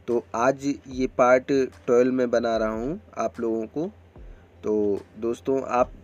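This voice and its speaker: A man teaches a grammar lesson in his own channel's video, speaking at a middling pitch. He explains step by step in an unhurried way and keeps turning to his viewers in a friendly manner. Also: darkish tone, muffled recording. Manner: slow, explanatory delivery with friendly addresses to viewers.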